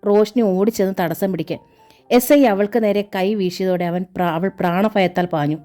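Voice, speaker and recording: Woman narrating a novel over soft music. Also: mid-range voice, normal speed.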